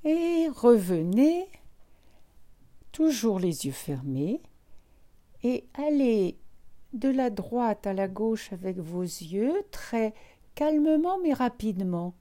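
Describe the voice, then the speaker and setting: Slow, soft-toned woman guiding relaxation. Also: fairly high pitch. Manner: calm, unhurried, gently instructive with frequent pauses. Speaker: instructor of a guided eye-relaxation exercise. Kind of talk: guided relaxation lesson, speaking directly to listeners.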